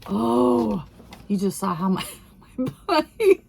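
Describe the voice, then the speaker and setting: A woman vlogger talking casually and gushing with excitement, laughing often as she goes. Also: on the high side, takes it slowly, vocal fry, slight background noise. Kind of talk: casual unboxing vlog.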